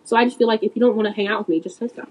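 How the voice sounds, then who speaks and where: A woman's voice: mid-range voice, steady tone. A teenage girl chatting casually with friends on a podcast, blunt and ranty. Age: teens. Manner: ranting, quick and blunt. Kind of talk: casual chat among friends.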